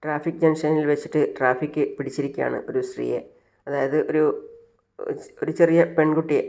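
A man's voice: on the high side, steady tone, normal speed, gravelly, darkish tone. A man casually retelling an episode of a family serial, with small slips and restarts.

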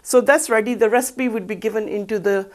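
A woman's voice: mid-range voice, steady tone, fairly quick. Chatty woman hosting a cooking show. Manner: chatty, upbeat, explains each step while working. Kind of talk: cooking demonstration. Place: studio kitchen set, indoors.

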